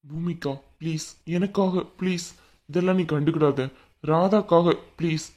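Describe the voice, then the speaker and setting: A man's voice: high voice, steady tone, brisk, lightly acted. A man voicing an earnest young husband in a cartoon drama, pleading and indignant by turns. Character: young husband defending his wife, earnest. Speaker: cartoon voice actor. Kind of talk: Tamil cartoon drama dialogue.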